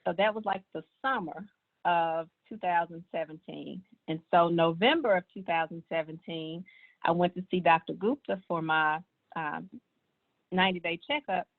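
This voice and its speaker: A woman's voice: fairly low pitch, moderate pace. A woman, earnestly sharing her personal health story in casual talk. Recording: tinny, phone-like sound.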